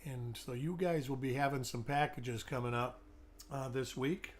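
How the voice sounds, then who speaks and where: Medium in pitch, steady and moderately paced, a middle-aged man chats on his live coin-hunting stream, greeting viewers by name over the coins. Illness has left his voice weak and fading, and there's a little hiss or hum.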